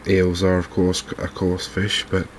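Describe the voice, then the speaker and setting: A gaming channel host from England speaks in a deep, soft voice, giving slow, tentative ASMR commentary on the game. Behind him, a clear steady background noise persists.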